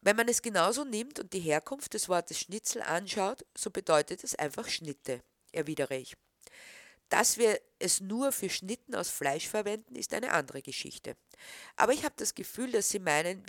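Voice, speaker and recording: A woman reading scripted narration in a calm, earnest, reflective way. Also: mid-range voice, moderate pace, dry recording, clean studio sound.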